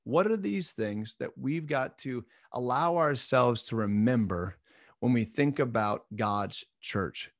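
A church minister in his thirties records a midweek Bible lesson in a small room at home. His voice sits on the low side, with studio-quality sound and no echo, and he speaks earnestly and encouragingly, laughing off his own slips.

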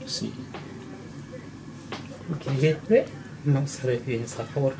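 A man whose first language is Japanese, showing how to cook at home in halting, broken Spanish and often stopping to search for words. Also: mid-range voice, animated. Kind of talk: casual cooking demonstration. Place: home kitchen. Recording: noisy home recording.

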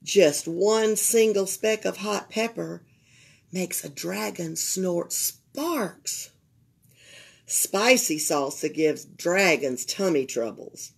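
This library storyteller, an older Alabama woman with a Southern accent, sits indoors at a library table and reads a picture book to children with plenty of expression, breaking off to comment to them. Her voice runs on the low side, slightly raspy and animated.

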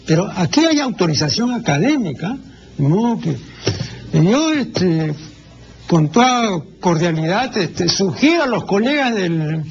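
An older man, hosting a television program and explaining things to a viewer in a measured, didactic way with frequent tag questions. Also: sits high, very animated, muffled recording, slight background noise. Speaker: television host answering a viewer. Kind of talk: cultured on-air commentary.

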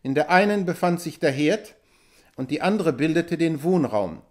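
A man's voice: on the high side, lively intonation, normal speed, a little mellow. Man narrating an adventure audiobook. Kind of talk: scripted narration.

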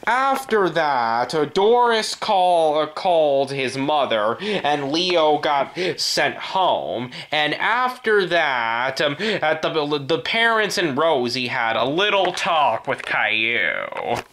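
An amateur narrator of a fan-made animated video who stumbles over words and fills in parent parts. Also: medium pitch, slow, few pauses.

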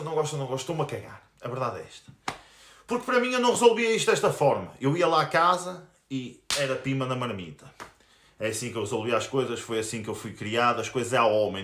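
Ranting on a live stream, a twenty-something YouTuber with a European Portuguese accent is angry, crude and confrontational. He talks fast in an expressive, medium-pitched, somewhat bright voice, and the room echoes noticeably.

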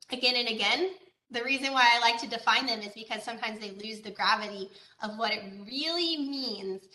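Bright-voiced woman presenting online. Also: fairly high pitch, echoey room. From Georgia, USA. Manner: conversational, with frequent fillers and rhetorical questions. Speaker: agricultural educator. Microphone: video call.

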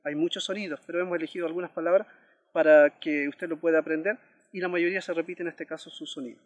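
A man with a high-pitched voice teaches a language lesson at an unhurried pace. He says each example word slowly and repeats it, pausing to check that listeners follow. Small hesitations dot his explanations. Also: steady tone, big-room sound. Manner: frequent "eh" hesitations.

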